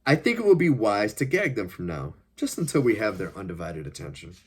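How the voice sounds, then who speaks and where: A man reading his novel aloud, voicing a polite, formal government agent who threatens his captives in measured words. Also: fairly low pitch, very animated, breathy edge, exaggerated voice. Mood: cold menace. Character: cold, polite, menacing male government agent.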